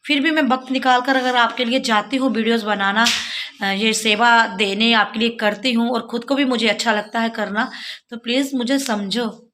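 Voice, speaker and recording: A woman's voice: a little high, steady tone, normal speed, fairly bright tone. A middle-aged woman from Jammu with a sore throat, talking earnestly to her viewers in a casual devotional vlog, pleading and explaining. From Jammu, India. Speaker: devotional vlogger.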